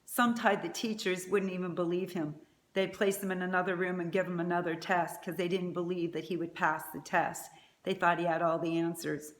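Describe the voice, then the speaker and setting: A woman's voice: lowish voice, steady tone, brisk. A middle-aged woman giving a prepared eulogy as a mother, speaking in a tender, faltering way. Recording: echoey room.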